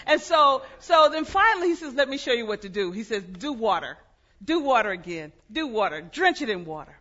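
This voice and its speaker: A woman preaching a sermon, telling the story with lively humor and dropping into hushed, quiet passages. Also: fairly high pitch, brisk, dull audio.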